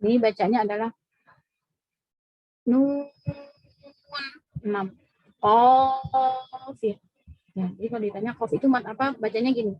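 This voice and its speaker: Teaching tajwid to a mosque class, this woman repeats her points patiently and keeps checking on her listeners with "ya." Her voice is husky and a little high, steady in tone and at normal speed, on a dry, lo-fi recording.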